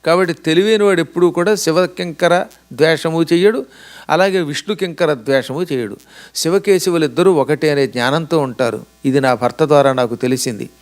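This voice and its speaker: A man delivers a storytelling sermon in a high-pitched voice. He acts out the dialogue of gods and goddesses and slows down to chant sacred verses. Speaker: religious discourse speaker. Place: lecture venue in the US.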